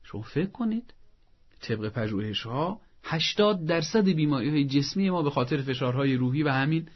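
Husky-voiced man giving calm advice. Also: on the high side, highs cut off. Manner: calm, instructive, lists steps and examples. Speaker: family advice expert. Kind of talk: advice on a talk show.

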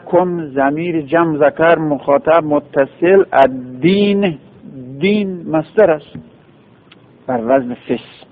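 A man's voice: on the high side, vocal fry. Man teaching grammar over a tinny line. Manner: patient, repeats forms one by one. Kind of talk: classroom grammar lesson. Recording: tinny phone-like radio recording.

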